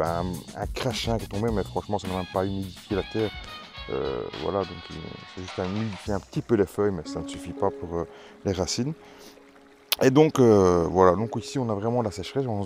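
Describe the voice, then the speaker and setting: A man's voice: low voice, a little mellow. A man from Belgium with a Belgian French accent, chatting casually while showing his vegetable garden, rambling with many hesitations and restarts. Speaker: amateur gardener presenting tomato seeds. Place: vegetable garden outdoors in hot weather.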